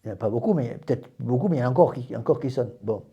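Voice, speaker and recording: A man's voice: mid-range voice, lively intonation, rapid-fire, vocal fry, slightly rough, muffled recording. A man, a priest, giving a doctrinal class to a small group in an emphatic way, often repeating words and restarting phrases.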